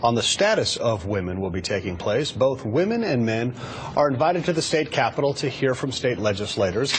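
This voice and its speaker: A man's voice: mid-range voice, very animated, a little fast, noisy background. A man working as a news anchor, reading a scripted report.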